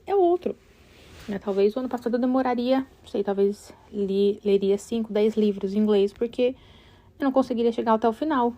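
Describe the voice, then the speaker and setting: A woman in her thirties giving casual motivational advice about goals, chatty and full of questions to her listeners. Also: a little high. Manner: chatty, warm-hearted, asks listeners questions, many "sabe?". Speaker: vlogger giving goal-setting advice. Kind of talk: casual motivational talk to camera.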